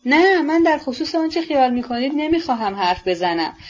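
A shy, earnest young man, as a woman reading aloud voices him. He speaks timidly and sincerely in a fairly high voice. The recording is dull and lo-fi. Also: big pitch swings.

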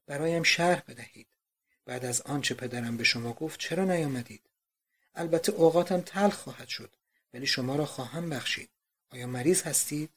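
A man's voice: mid-range voice, breathy edge, lightly acted. A man reading out the anxious, pleading love letter of a young woman in an audiobook.

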